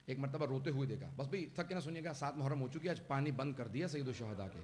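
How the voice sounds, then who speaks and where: A man's voice: mid-range voice, expressive, darkish tone, a little hiss or hum. A male cleric giving a mourning sermon, telling a story with passion and acting out the people in it. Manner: impassioned storytelling, voicing the people in his account. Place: gathering hall.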